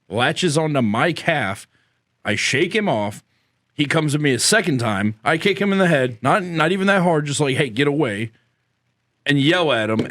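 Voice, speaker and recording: A man's voice: fairly high pitch, fairly bright tone, no echo. A man co-hosting a podcast, a laid-back, self-mocking storyteller on a close mic. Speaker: podcast co-host. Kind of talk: casual chat, anecdotes.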